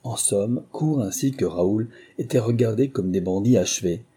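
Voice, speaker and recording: A man with a French accent reading a memoir aloud in a measured, literary first-person style. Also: lowish voice, mellow, slightly rough. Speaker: audiobook narrator. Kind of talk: scripted first-person narration.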